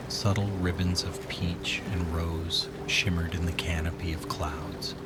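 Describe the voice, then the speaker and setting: Very slow, deep-voiced male sleep story narrator. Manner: hushed, gentle, unhurried delivery, often breathy.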